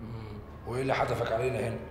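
A man's voice: mid-range voice, level tone, racing, slight background noise, close to an everyday voice. An actor playing a cocky, flirtatious male petty crook with an Egyptian accent, talking in a brash, wheedling way. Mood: boastful. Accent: Egyptian Arabic. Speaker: actor in a TV comedy series. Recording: echoey set with music behind.

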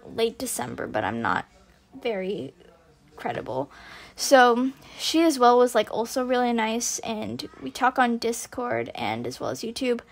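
A woman with a raspy voice giving casual, loosely scripted video commentary in a hesitant, rambling, self-correcting way. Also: a little high. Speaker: video creator and narrator.

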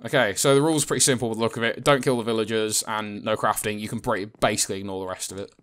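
A man's voice: on the low side, fairly even intonation, rapid-fire, fairly bright tone. A British man co-hosting a casual let's-play, rambling and joking, laughing often and swearing casually. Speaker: gaming channel co-host.

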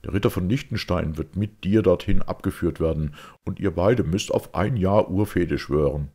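A seasoned field commander speaking with calm, reassuring authority, his voice deep and gravelly yet lifted slightly above the narration. A man plays him while reading aloud. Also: moderate pace. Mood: fatherly. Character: veteran male commander, warm and fatherly.

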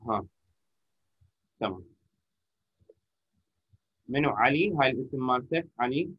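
Husky Iraqi man teaching an online class. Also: mid-range voice, expressive. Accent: Iraqi Arabic. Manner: patient, repeats phrases slowly to model pronunciation. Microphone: computer or phone mic on a video call. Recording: lo-fi online call audio.

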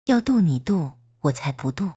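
A woman's voice: sits low, expressive, moderate pace, darkish tone, husky, no echo, dull audio. A woman reading a story aloud, voicing a hot-tempered young celestial dragon girl who scolds shrilly. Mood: scolding.

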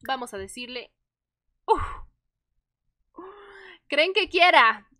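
A woman's voice: high-pitched, slow pace, dry recording, clean studio sound. A woman giving casual, dramatic and jokey commentary while playing a life-simulation video game. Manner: animated, dramatic, jokey, playful outbursts. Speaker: gaming youtuber. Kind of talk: casual let's-play commentary.

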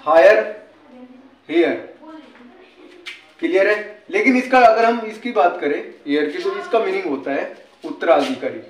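A man's voice: sits high, lively intonation, normal speed. A man with an Indian accent explaining English words like a teacher, often asking a question and answering it himself. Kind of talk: casual classroom-style explanation. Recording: echoey room.

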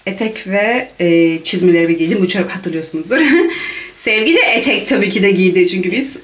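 A young woman chatting playfully to a handheld camera for her travel vlog, laughing often and breaking into lively exclamations. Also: mid-range voice, brisk. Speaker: travel vlogger. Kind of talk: casual travel vlog chat.

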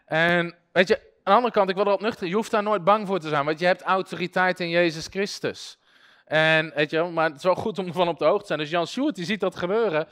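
Brief: male Bible teacher, fairly high voice, animated storyteller who chuckles a lot, in front of a class. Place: classroom with a live audience.

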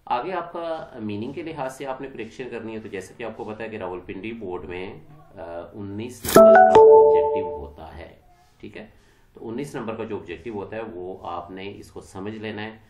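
A man's voice: fairly low pitch, normal speed, reverberant, soft background music. A man teaching an exam-prep English lesson, mixing English terms into his explanations and asking and answering his own questions.

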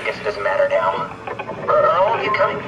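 A man's voice: on the low side, big pitch swings, fast, very noisy. Dull radio-filtered, amiable male technician. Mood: apologetic, friendly. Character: apologetic friendly male station technician on radio. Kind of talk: video game voice acting. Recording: dull, lo-fi radio log playback.

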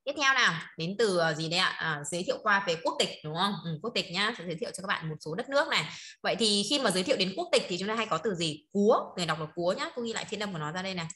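A woman's voice: mid-range voice, animated, rapid-fire, pushed and bright. A woman teaching an online language class, checking in often with short tag questions and laughing easily. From northern Vietnam. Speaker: Chinese teacher. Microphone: online video call.

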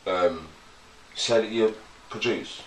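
A man's voice: on the low side, measured pace. A man hosting a casual chat interview, loose and joking, swearing casually. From southern England. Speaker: host. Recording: echoey room, distant mic, faint noise.

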